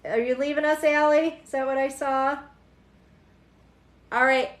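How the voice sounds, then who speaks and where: A tired woman in her forties reads tarot on a livestream, chatting casually with viewers, teasing them and laughing often. Her voice sits high with a steady tone and a slightly slow pace, and the sound is reverberant.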